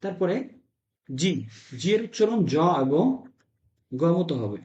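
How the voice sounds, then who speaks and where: A man teaching Italian letter sounds to a class, drilling syllables in slow repeated chants. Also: fairly high pitch, sing-song, dark tone. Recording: echoey room, dull lo-fi sound.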